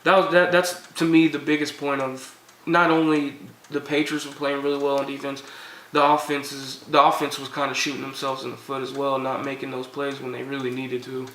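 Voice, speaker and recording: A man co-hosting a casual sports talk show, relaxed and agreeable in manner. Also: mid-range voice, fairly quick, few pauses. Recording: distant from mic, echoey room, faint noise.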